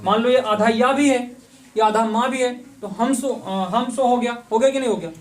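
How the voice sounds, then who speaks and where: A man's voice: extremely high pitch, normal speed. A man teaching an online exam-prep class. He asks questions and answers them himself, repeating the key points. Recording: voice somewhat distant from the mic.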